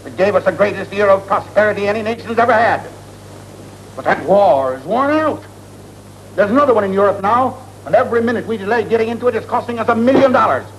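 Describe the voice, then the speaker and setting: An actor playing a scheming, greedy businessman in a brisk, declamatory style from an old satirical film. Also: animated. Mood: gleeful scheming. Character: scheming, greedy war-profiteering businessman, pompous booster. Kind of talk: theatrical satirical sketch from an old American film. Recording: noisy, rumbling old film soundtrack.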